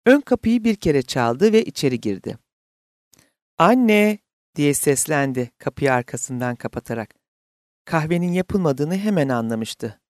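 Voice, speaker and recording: A man reading a novel aloud as an audiobook narrator, in a measured, steady way. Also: medium pitch, no echo, studio quality.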